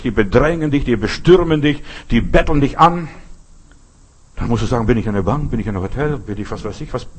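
A man's voice: medium pitch, husky. A man giving an informal, conversational sermon, speaking straight to the listener with frequent questions. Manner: conversational, addresses listener directly with frequent "verstehst?". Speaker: preacher.

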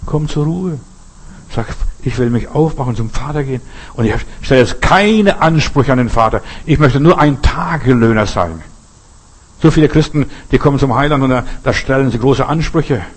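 A man's voice: mid-range voice, moderate pace, breathy edge, rough recording. An older man preaching a sermon, who speaks straight to the listener and drives his points home through emphatic repetition. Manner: addresses listener directly with repeated "weißt du".

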